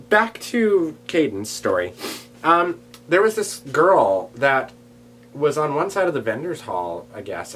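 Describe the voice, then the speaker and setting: A man talking casually to camera in a daily vlog, animated and rambling, jumping between loud bursts and quiet asides. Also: fairly low pitch, a little hiss or hum. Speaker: vlogger.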